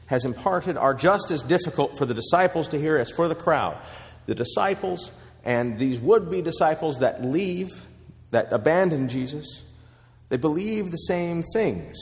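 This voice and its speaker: A man preaching a sermon, telling a story with measured pauses. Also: fairly high pitch, long reverb tail.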